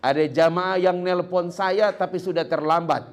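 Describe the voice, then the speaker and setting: A male preacher giving an impassioned sermon, often rising to a shout. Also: high voice, normal speed.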